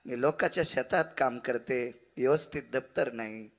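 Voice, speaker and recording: A man's voice: medium pitch, moderate pace, close to an everyday voice. A man voicing a poor proud village mother. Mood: heartfelt. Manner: simple, heartfelt.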